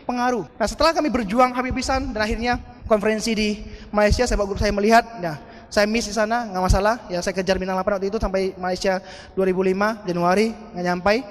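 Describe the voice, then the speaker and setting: High-pitched fast motivational man. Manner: animated, addresses the audience as "Pak" and asks "betul nggak?". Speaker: motivational speaker. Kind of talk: motivational seminar talk. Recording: long hall reverb.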